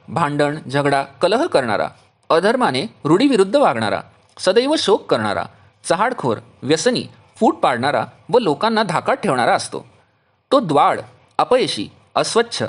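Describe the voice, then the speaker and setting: A man reading and explaining a devotional text, listing traits one by one with measured pauses. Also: on the high side, husky. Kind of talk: steady devotional reading of a list.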